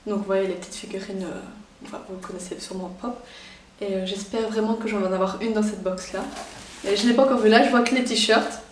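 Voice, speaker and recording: Excitable Belgian woman, echoey room. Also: mid-range voice, fairly quick, far from the mic, a little hiss or hum. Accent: Belgian French. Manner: chatty and excitable, many fillers. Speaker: YouTuber. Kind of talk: casual unboxing vlog. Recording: echoey room, voice somewhat off-mic.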